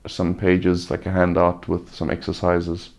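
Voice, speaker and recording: Worn out after surgery, a man records an unscripted, casual vlog update on his recovery. His deep, very creaky voice has a nearly flat melody, and he speaks in a subdued, halting way while nursing a sore throat.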